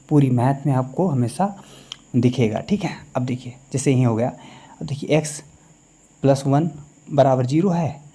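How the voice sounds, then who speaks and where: A man teaching a maths lecture in a classroom style, who keeps pausing to ask the class quick check questions. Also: medium pitch, mellow.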